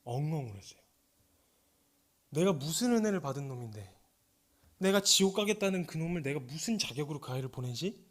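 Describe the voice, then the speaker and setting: Fervent high-voiced man preaching. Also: expressive, quick pace. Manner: emotional, swings from hushed to fervent pleading. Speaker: missionary preacher. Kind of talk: sermon with personal testimony. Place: church sanctuary.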